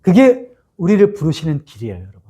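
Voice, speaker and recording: A man's voice: sits high, wildly swooping pitch, quick pace, warm tone, slightly rough. A male pastor giving an expository sermon to young adults, telling the story and asking the listeners rhetorical questions.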